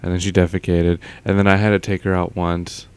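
A young male vlogger with a smooth, low-pitched voice speaks fairly quickly in a level tone. Recording at home on a close mic with a pop filter, he rambles casually with lots of fillers and trailing thoughts.

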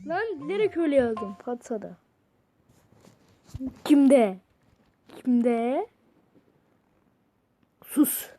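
A young woman, casually chatting and teasing while she voices a chatbot's replies, swinging between loud outbursts and muttering. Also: high voice, sing-song, very slow, pauses often. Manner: playful, teasing, swears often. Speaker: vlogger chatting with an app bot.

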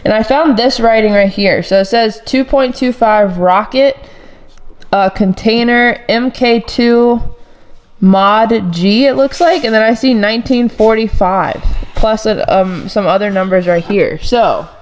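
A woman helping search a storage unit, reading markings slowly and haltingly in casual chat. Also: a little high. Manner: slow, halting, laughs often. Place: indoor metal storage unit.

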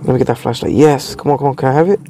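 A man's voice: mid-range voice, very fast, creaky, warm tone, a little hiss or hum. A young man giving casual horror game commentary as a streamer, scared and jumpy, exclaiming and repeating himself. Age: young adult. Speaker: gaming streamer.

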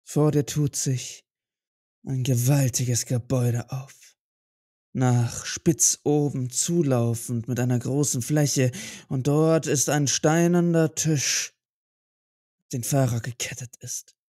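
Slow husky game master. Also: male voice, mid-range voice, steady tone, dark tone, no room sound, clean studio sound. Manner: slow, atmospheric narration. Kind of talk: narrating an audio role-play.

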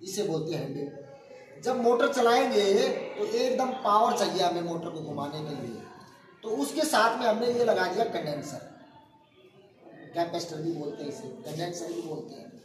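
Speaking expressively at a moderate pace, a high-voiced instructor in his forties walks students through a hands-on lesson step by step and keeps asking if they've understood. The crowded indoor workshop is echoey and noisy, and a distant phone camera records him from afar.

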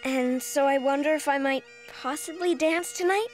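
A woman's voice: high voice, normal speed, lightly acted. A woman voicing a dreamy, dramatic young girl in a cartoon, earnest and flowery in her wording. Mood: polite, proud. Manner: flowery, formal, theatrical wording. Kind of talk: animated series voice acting. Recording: music behind the voice.

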